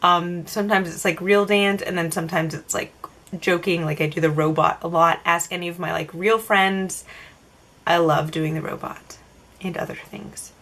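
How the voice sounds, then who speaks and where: A woman's voice: on the low side, steady tone, moderate pace, a bit bright. Chatty young woman answering tag questions. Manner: chatty, filler-heavy, self-answering rambles. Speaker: vlogger. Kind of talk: casual tag-video Q&A.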